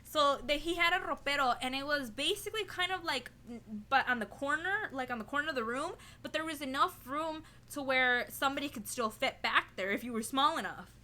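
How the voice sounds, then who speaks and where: Bright, high-voiced chatty young woman. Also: a little fast, few pauses. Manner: chatty, heavy on "like" and "you know"; giggly, animated retelling. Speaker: vlogger. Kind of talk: casual storytelling to camera.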